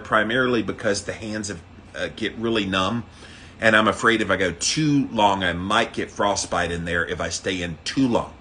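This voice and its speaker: A man's voice: fairly low pitch, sharp tone. A man hosting a livestream, chatting casually and explaining things informally to his viewers. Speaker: livestream host doing a daily ice bath challenge. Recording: faint background noise.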